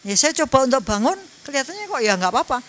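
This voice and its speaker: A woman's voice: high-pitched, very animated, fast talker, fairly bright tone. A woman, giving a Buddhist Dhamma talk in a chatty storytelling way. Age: 70s. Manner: chatty storytelling, mixing in Javanese words. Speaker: Dhamma speaker.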